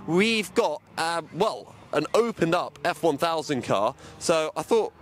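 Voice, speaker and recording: Speaking a little slowly and expressively, a young man with a higher voice presents and interviews people outdoors in a racing paddock. He uses a handheld microphone for this roving commentary.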